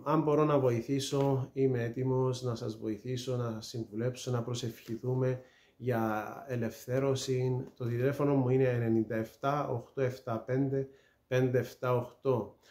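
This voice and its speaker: A middle-aged man giving an earnest personal faith testimony, hesitant, with many pauses and fillers. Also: mid-range voice, darkish tone. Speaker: testimony speaker. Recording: echoey room.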